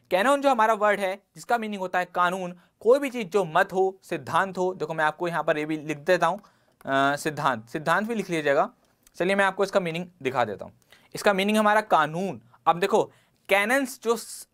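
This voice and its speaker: A man's voice: sits high, a bit bright. A male teacher with an Indian English accent runs an online exam-prep vocabulary lesson. He keeps asking the class rhetorical questions and ties each word to everyday life. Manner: explains words with everyday examples and rhetorical questions.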